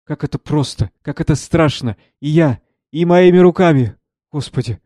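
A man reading the part of a frightened, devout young woman, speaking softly and tearfully. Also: on the high side, normal speed, no echo, studio quality, voice pushed up, natural voice.

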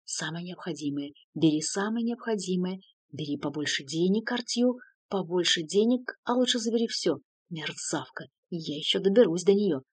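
A woman's voice: expressive, moderate pace, husky, no room sound. A woman voicing a furious young count. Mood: angry muttering. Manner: shouting, raised and high. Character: hot-tempered young male count, furious.

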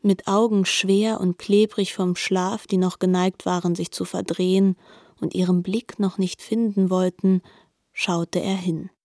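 A woman narrating a literary radio drama in a soft, often half-whispered voice. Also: on the low side, little pitch movement, measured pace, no echo, clean studio sound.

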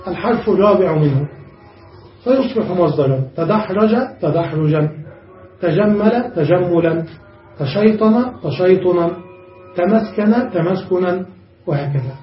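A high-pitched male teacher giving a grammar lecture, working through each rule patiently and pausing to ask his class whether they have understood. The recording is muffled and taken from a distance in a reverberant room. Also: a little hiss or hum. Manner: explains step by step, checks understanding with the class. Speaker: sheikh teaching Arabic grammar. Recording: dull, echoey room, distant mic.

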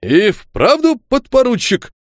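A man voicing a blunt bearded peasant, a former sergeant, who speaks in a rough village dialect. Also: very high voice, huge pitch swings, takes it slowly, dry recording, studio quality, pitched above the performer's own voice, heavily acted. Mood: indignant.

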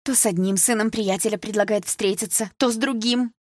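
A woman's voice: mid-range voice, steady tone, brisk, no echo, clean studio sound, voice pushed up, close to an everyday voice. A woman reading an audiobook, voicing an indignant young woman who pushes back hard against her father. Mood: exasperated. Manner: indignant, exclamatory.

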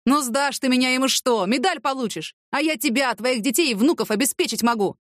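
A woman's voice: high voice, fairly quick, no room sound, clean studio sound, pitched above the performer's own voice, lightly acted. A woman voicing a cornered male thug who pleads and bargains in coarse slang. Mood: pleading.

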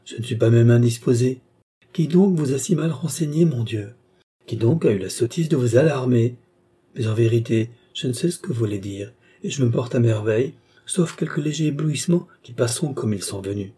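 Man doing a fragile young noblewoman, nervous, breathless, husky mellow voice. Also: mid-range voice, lively intonation, a little fast. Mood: protesting.

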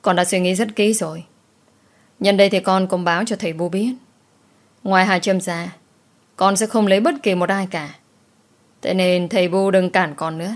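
A woman voicing a calm, defiant young man who speaks firmly without flinching. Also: lowish voice, normal speed, pauses often, close to an everyday voice. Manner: calm, firm, unflustered.

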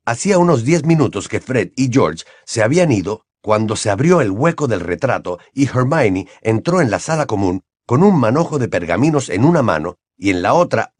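A man narrates an audiobook with a lively, rising and falling delivery. His voice sits at a middle pitch. The recording is dry and close, with no room sound. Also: moderate pace, hardly any pauses, no echo. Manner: expressive, varied storytelling. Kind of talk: audiobook reading.

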